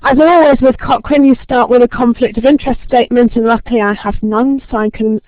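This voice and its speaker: A woman who talks quickly, with frequent ums, presents a lecture-style webinar and welcomes a large online audience. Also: fairly high pitch, steady tone, no room sound. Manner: fast-talking, friendly, many ums. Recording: tinny phone-line sound, dry.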